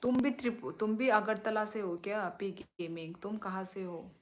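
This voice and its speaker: A young woman from Tripura chatting casually on a phone live stream at home at night, reading viewers' comments and talking softly so she won't disturb the neighbours. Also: steady tone, moderate pace. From Tripura, India. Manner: chatty, sways while talking, lowers voice to keep it down. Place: small room at home at night. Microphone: phone held or propped close.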